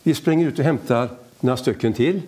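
A middle-aged man, a preacher-type guest, telling church anecdotes in conversation and acting out the people he quotes. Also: medium pitch. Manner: lively storyteller who acts out quoted dialogue. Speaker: evangelist guest.

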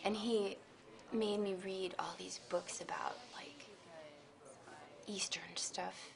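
Gravelly, half-whispering rambling woman. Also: mid-range voice, fairly even intonation, takes it slowly, noisy background. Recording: crowd chatter behind.

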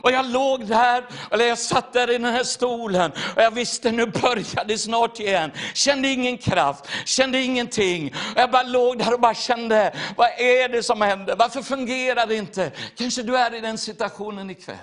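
A man's voice: very high voice, hardly any pauses, fairly bright tone. A man preaching a testimony sermon, earnest and repetitive, speaking straight to his listeners.

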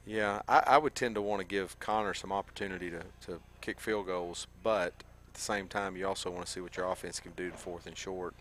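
A man's voice: sits low, fairly even intonation, a little fast, hardly any pauses, fairly bright tone. A man giving casual live football analysis as a color commentator. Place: football stadium broadcast position. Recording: faintly noisy live stadium broadcast. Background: stadium ambience.

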